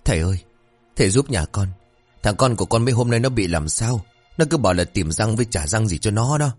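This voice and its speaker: A man voicing a worried older village father, pleading in quick words. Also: lowish voice, expressive, breathy edge, soft background music, pitched above the performer's own voice. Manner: pleading, fast-talking.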